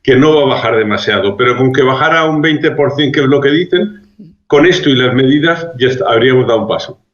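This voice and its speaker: Man explaining calmly in a roomy, dull recording. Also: medium pitch. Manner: measured, reasoned, with frequent restarts. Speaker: public health expert interviewed as guest. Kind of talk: explanatory interview answers.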